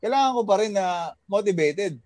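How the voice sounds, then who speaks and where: A Filipino fitness trainer working abroad chats casually as a podcast guest, sounding motivational and peppering his talk with fillers and tag questions. His voice is high-pitched and expressive with a darkish tone, moving at a moderate pace. The recording is dry and clean, studio quality.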